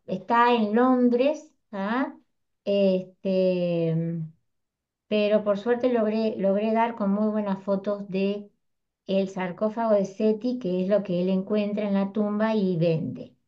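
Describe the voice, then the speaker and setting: A woman's voice: mid-range voice, warm tone, dull audio. A woman giving a history lecture to a class, explaining step by step in a conversational way with frequent tag questions. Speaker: history teacher.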